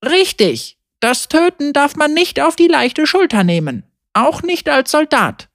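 A woman voicing an aged, wise female illuminator who speaks calmly, with a slightly croaky voice. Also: high voice, measured pace, no room sound, studio quality, pitched above the performer's own voice, full character voice. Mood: calm, instructive.

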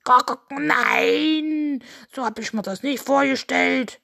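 A woman's voice: sits high, takes it slowly, creaky, voice pushed up, heavily acted. Henry, a woman doing a quacking, eager bird. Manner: quacks between words, excitable. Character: eager fussy young male farmyard bird who quacks.

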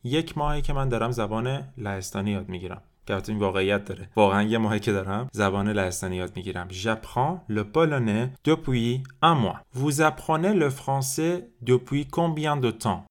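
Podcast French teacher, a man with a low voice and Persian as his first language, who explains quickly and drills phrases slowly.

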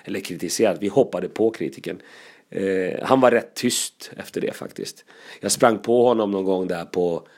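A comedian telling casual, lively anecdotes, with laughs and asides. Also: male voice, low-pitched.

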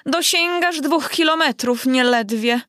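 Domineering queen, loud and imperious, as a woman narrator puts her on. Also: high-pitched, expressive, a little slow, no echo, clean studio sound, voice pushed up. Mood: commanding.

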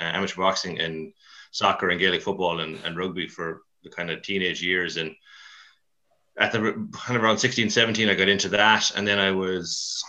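A man's voice: low-pitched, pushed and bright, lo-fi sound. A man with a west of Ireland accent chatting casually in an interview, rambling and colloquial, with a self-deprecating touch. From Mayo and Dublin, Ireland. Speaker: CrossFit coach, podcast guest.

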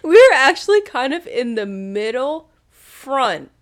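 A woman co-hosting a casual podcast chat, giggly and quick with reactions. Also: sits high, big pitch swings. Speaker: podcast co-host.

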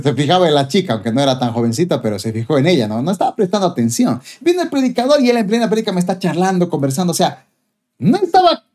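A man's voice: a little high, a little mellow. A man preaching a personal testimony, telling a story with frequent chuckles to his congregation. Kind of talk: testimony sermon.

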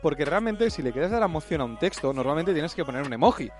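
A man co-hosting a casual podcast, reacting with animated enthusiasm. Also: fairly high pitch, quick pace, soft background music. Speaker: podcast co-host.

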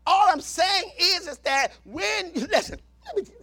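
A man in his fifties preaching a sermon as pastor, swinging between shouted exclamations and hushed, low asides. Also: expressive, unhurried, creaky.

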